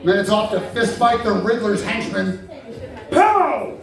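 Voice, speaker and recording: A man's voice: high voice, steady tone, normal speed, vocal fry. A man giving a wry, teasing comic roast to a live audience, with playful sound effects. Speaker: comedian roasting colleagues. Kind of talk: stand-up roast toast. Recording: echoey hall, distant mic, crowd laughter.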